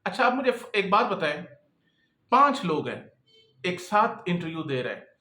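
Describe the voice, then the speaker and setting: A man's voice: high voice, big pitch swings, moderate pace, pushed and bright. A man coaching freelancers in casual, repetitive talk that keeps checking in with the listener. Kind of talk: casual advice talk to camera. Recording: echoey room.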